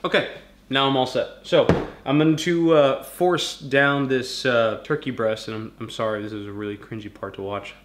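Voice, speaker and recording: Young male vlogger, chatty and rambling, faint braces lisp, average pitch. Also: steady tone, moderate pace, a bit bright, slight background noise. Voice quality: slight lisp from new braces. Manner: chatty, rambling, talks while chewing. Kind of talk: casual vlog chat.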